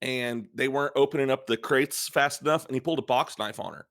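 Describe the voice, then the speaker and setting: A man guests on a casual podcast, telling stories in a halting way. His voice is gravelly with a lot of fry. His pitch sits in an ordinary middle range. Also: fairly bright tone. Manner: halting storyteller with many fillers. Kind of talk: casual group podcast banter.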